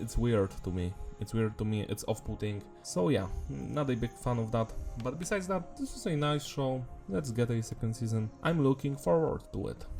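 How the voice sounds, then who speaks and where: Vocal fry runs through this man's darkish, mid-range voice as he hosts an anime review. He sounds sick, with a sore and swollen throat, rambling informally and throwing in mild profanity.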